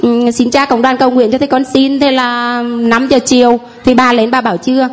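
A woman from the congregation gives a long testimony to the priest. She talks in a somewhat high voice and pauses often, filling the gaps with fillers. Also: little pitch movement. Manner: hesitant, many fillers. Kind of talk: spoken testimony.

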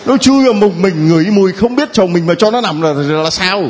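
Lively teasing priest, man preaching. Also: sits high, brisk, background noise. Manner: teasing, playful with the congregation. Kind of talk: sermon. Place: church.

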